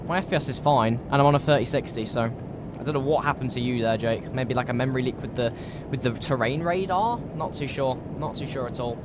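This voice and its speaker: A British man with a slightly croaky voice from a cold, chatting informally and thinking aloud as he live streams a flight sim. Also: medium pitch, fairly quick, hardly any pauses, background noise. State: recovering from a cold. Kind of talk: casual live stream chat while flight simming.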